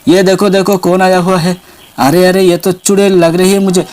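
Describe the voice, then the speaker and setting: A man's voice: high-pitched, level tone, moderate pace, a little mellow, lightly acted. A man voicing a scared young girl in a toy doll story, calling out urgently and repeating herself. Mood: alarmed. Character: scared young girl waking her parents.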